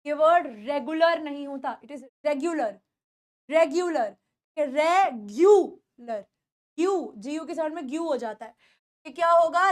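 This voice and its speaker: Woman teacher, first language Hindi, high voice, slow deliberate pronunciation drills. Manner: repeats words slowly, asks pupils questions. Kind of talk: classroom-style lesson.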